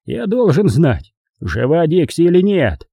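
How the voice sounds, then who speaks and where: Brief: reader as a hopeless, guilt-ridden man in an audiobook, slow and heavy, a bit higher than the narrator. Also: huge pitch swings, creaky, mellow, breathy edge, no echo, studio quality, heavily acted. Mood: grim. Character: despairing guilt-ridden man, weary and drawn out. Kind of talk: audiobook character voice.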